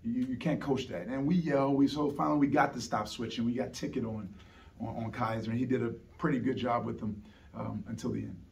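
At a postgame press conference, a middle-aged basketball coach sits at a table and answers questions earnestly, frequently restarting with repeated words. His mid-range voice is brisk, creaky and slightly mellow, with fairly even intonation. He's heard from some distance through a table microphone on a stand.

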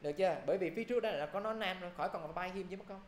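A man with a Southern Vietnamese accent teaching an English grammar lesson. He talks briskly and keeps checking in with his students. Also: high-pitched, reverberant, a little hiss or hum.

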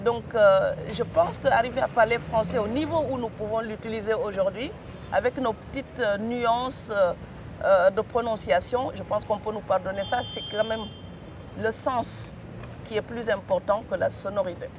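A woman's voice: a little high, normal speed. Senegalese woman guest, rolled R's, firm and emphatic, some noise underneath. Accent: Senegalese French. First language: Serer. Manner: emphatic, rolled R, frequent hesitation fillers. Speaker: author guest. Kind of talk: studio interview.

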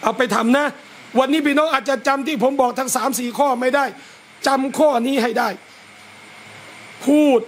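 A man, a religious teacher, gives a lively lecture at a home gathering, talking straight to his listeners. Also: very high voice, moderate pace, pauses often, slight background noise. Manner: lively, talks straight to listeners and acts out scolding parents.

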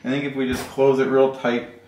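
A man talking as the dad in a casual family vlog, in a calm, teasing way, stammering now and then. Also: mid-range voice, fairly quick, slight background noise. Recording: roomy echo with music behind.

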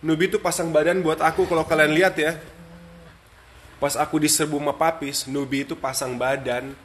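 A man's voice: a little high, a little fast. A man hosting a casual live stream at home with his dogs, cooing baby talk at them and chatting to his viewers. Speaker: dog owner and live stream host. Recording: live stream with steady background noise.

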